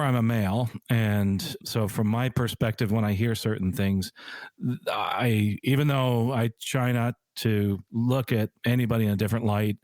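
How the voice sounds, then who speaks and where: A man who is an airline pilot, telling stories as a podcast guest in a lively, laughing manner. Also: on the low side, no room sound. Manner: animated anecdote-telling, laughs easily. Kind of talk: casual storytelling interview.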